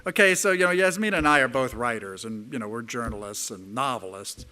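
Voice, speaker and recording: Man with a bright, relaxed delivery. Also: mid-range voice, brisk. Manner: relaxed, with hedging fillers like "you know" and "uh". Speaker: writer and co-presenter. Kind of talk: casual conference talk.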